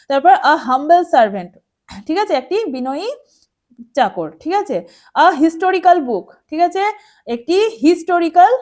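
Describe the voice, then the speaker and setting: A woman's voice: high voice, dark tone. A woman teacher explaining an English grammar lesson to schoolchildren, patient and repetitive, checking in with them often. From West Bengal, India.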